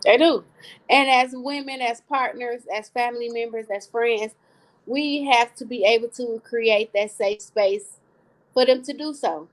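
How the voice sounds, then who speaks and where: This co-host of a casual live online show speaks a little slowly, her slightly high voice fairly even in intonation. The recording is rough, and she talks earnestly, repeating phrases for emphasis.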